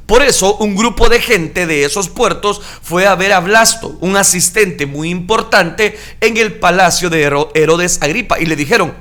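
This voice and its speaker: A male preacher giving a sermon, retelling scripture dramatically and switching between calm explanation and loud acted outbursts. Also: high voice. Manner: dramatic, shouts acted crowd lines.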